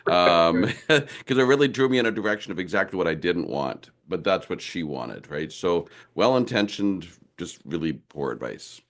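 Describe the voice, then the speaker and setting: A man's voice: deep voice, expressive, moderate pace, few pauses, fairly bright tone. A man hosting a podcast, asking questions in an enthusiastic, rambling way with playful turns of phrase. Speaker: podcast host. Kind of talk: casual interview chat.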